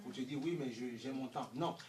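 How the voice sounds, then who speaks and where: A man preaching a sermon with fervor, dropping to hushed asides and rising to shouts, firing rhetorical questions at the congregation. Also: medium pitch, brisk. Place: church hall. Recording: echoey room, distant mic, faint noise.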